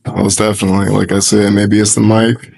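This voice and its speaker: A man's voice: lowish voice, little pitch movement, brisk, gravelly, darkish tone. A man contestant on a dating show, talking hesitantly and chuckling between words. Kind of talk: casual chat.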